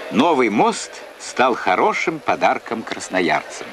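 A man's voice: mid-range voice, huge pitch swings, slow. A man narrating an old Soviet newsreel from a script, with a formal announcer's delivery. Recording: noisy 1980s archive newsreel soundtrack.

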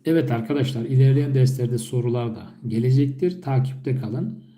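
Turkish guy teaching basic german on a live stream, very dark mellow voice, echoey room. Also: mid-range voice. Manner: slow, careful repetition of phrases. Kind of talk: live-streamed language lesson.

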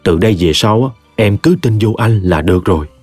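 A man voicing a faithless husband speaking softly and coaxingly. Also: lowish voice, a little fast, no echo, faint music behind, lightly acted. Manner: soft, coaxing. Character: smooth-talking adulterous husband, soothing.

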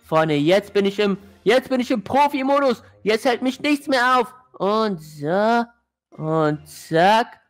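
A woman hosting a gaming channel, giving casual gameplay commentary and exclaiming in frustration at a hard level. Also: lowish voice. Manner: frustrated, exclaiming, addressing viewers as friends. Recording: faint background music.

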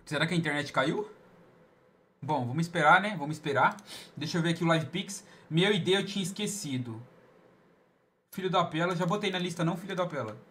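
A man's voice: fairly high pitch, lively intonation, brisk, long pauses, a bit bright. A young man live-streaming a game, chatting with viewers in a teasing, over-the-top way.

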